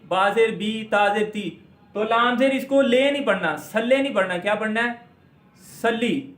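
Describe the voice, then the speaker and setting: Man, recitation teacher, very high-pitched, patient question-and-answer lesson, slow drawn-out demonstrations, echoey room. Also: fairly bright tone. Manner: asks and answers his own questions, stretches words to demonstrate.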